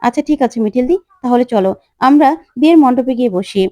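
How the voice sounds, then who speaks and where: A woman's voice: high voice, fast, warm tone, dry recording, natural voice. A woman voicing a young man who plays peacemaker, talking in a soothing, placating way.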